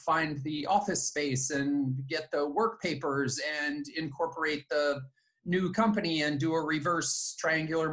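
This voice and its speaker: A middle-aged man, born in the United States and raised in Japan, telling his life story in a reflective, measured way as an interview guest. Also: a little high, fairly bright tone. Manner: reflective, measured, with fillers and restarts. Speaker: guest, company founder and CEO.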